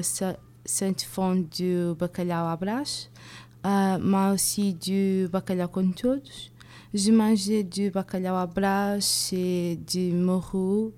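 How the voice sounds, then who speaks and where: Young portuguese woman, slow flat mellow voice, halting french. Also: mid-range voice. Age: 20s. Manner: hesitant, halting non-native French. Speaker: guest.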